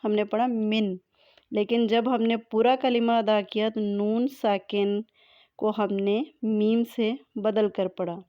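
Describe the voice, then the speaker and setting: A woman teaching a tajweed lesson, explaining patiently and methodically and spelling letters out slowly. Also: medium pitch, level tone, no room sound. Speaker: Quran recitation teacher. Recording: dull lo-fi sound.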